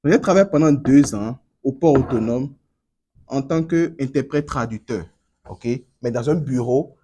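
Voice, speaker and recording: A man's voice: medium pitch, unhurried, mellow, a little hiss or hum. A man coaching a class on Chinese pronunciation, drilling students and repeating words energetically.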